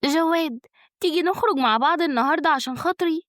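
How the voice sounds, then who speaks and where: A woman's voice: sits high, quick pace, fairly bright tone, dry recording, studio quality, pitched above the performer's own voice. A woman voicing a scheming young wife with an Egyptian accent, sweet-talking and coaxing. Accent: Egyptian Arabic.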